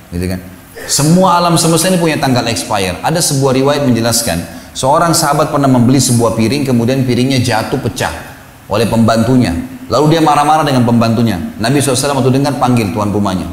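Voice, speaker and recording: A man preaching an Islamic sermon, telling a story and quoting Arabic verses, often asking his listeners "right?". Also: medium pitch. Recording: echoey hall with long reverb.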